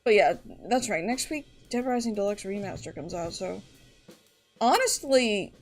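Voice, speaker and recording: A woman's voice: mid-range voice, lively intonation, normal speed, soft background music. A woman streamer chatting casually to her live audience, rambling and going off on tangents. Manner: rambling, chatty, often restarts and trails off.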